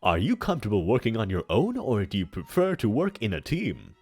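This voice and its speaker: A man's voice: lowish voice, wildly swooping pitch, fairly quick, darkish tone, breathy edge, exaggerated voice. A man voicing a businesslike, mildly exasperated job interviewer with formal, insistent questioning in a comic dramatic reading.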